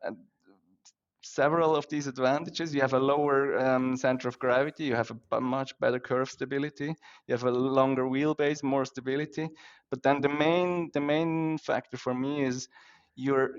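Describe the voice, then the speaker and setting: Swiss man on a dull, lo-fi line. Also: medium pitch. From Switzerland. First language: Swiss German. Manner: laughs often, hesitant restarts, enthusiastic. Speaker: guest, company founder. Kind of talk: casual interview.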